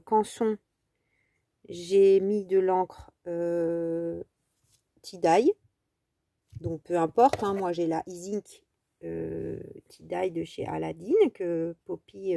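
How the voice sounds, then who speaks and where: A woman's voice: medium pitch, creaky, mellow, no room sound, studio quality. A French woman hosting a casual crafting tutorial, talking in a chatty, rambling way with many fillers.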